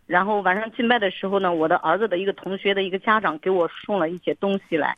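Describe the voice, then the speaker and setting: A woman's voice: mid-range voice, fast talker, no room sound. A woman calling a counseling program, telling a long story in an earnest, rambling way, often repeating herself and restarting sentences. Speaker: caller. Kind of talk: radio call-in counseling. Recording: tinny phone line.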